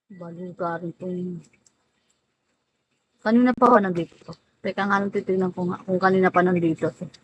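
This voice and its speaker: A woman's voice: fairly low pitch, fairly even intonation, normal speed, pauses often, lo-fi sound, a little hiss or hum. A woman hosting a casual livestream, teasing viewers by name, laughing often and drawing out names. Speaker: livestream host. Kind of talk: casual live-stream chat greeting viewers.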